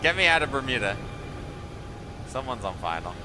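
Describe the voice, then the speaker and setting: A man's voice: mid-range voice, very animated, moderate pace. A man streaming a flight simulator, chatting and joking with exasperation about ground crews and air traffic. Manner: chatty, exasperated, laughs often at the ground crew. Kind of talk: live-stream commentary.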